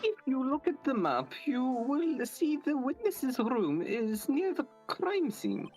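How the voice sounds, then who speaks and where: A woman's voice: high-pitched, very animated, slow pace, darkish tone, soft background music, full character voice. A woman voicing a haughty, arrogant young female prosecutor, speaking in an imperious and mocking way while reading a game aloud with voices.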